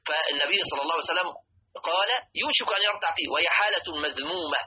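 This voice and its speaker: A man's voice: on the high side, racing, muffled recording, slight background noise. A man with an Egyptian Arabic accent giving a religious lesson, explaining a text and repeating and stressing key words. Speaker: religious teacher.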